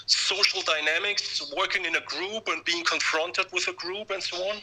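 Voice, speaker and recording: A man calls in to a radio show with a very bright, forward voice pitched a little high. He talks as a caller working through an opinion, halting and repeating words as he goes. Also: fairly even intonation, a little hiss or hum, low-quality recording.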